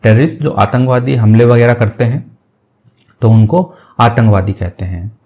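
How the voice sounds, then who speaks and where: Mellow-voiced male language teacher. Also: mid-range voice, highs cut off. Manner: reads English phrases slowly, then explains word by word. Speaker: English teacher. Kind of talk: explanatory lesson, translating English to Hindi.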